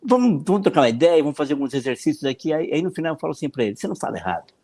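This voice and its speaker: A man with a Brazilian Portuguese accent, a consultant answering questions in a podcast interview. He explains in an animated way, often repeating words and acting out the voices of the people he quotes. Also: on the high side, very fast. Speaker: political consultant and speaking coach.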